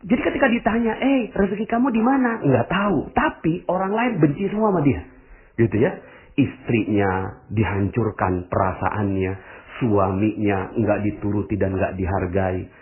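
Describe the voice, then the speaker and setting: A man's voice: fairly low pitch, a little slow. A man giving a motivational religious talk to an audience, full of rhetorical questions and direct address. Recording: tinny phone-like sound.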